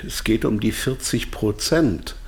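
Speaking a little slowly in a lowish voice, a man performs in a German radio drama as a company insider who is evasive but candid. His explanations come out hedging and hesitant.

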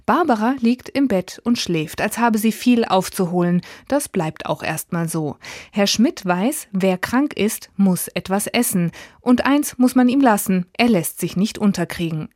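A woman presenting an audiobook in calm, measured scripted narration. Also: mid-range voice, no echo, clean studio sound.

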